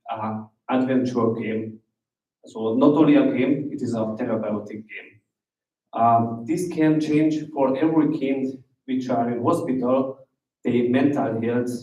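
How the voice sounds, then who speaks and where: Slow, mellow man from Hungary. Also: mid-range voice. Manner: halting, non-native phrasing. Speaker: startup founder pitching. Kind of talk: short pitch talk. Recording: roomy, distant, dull sound.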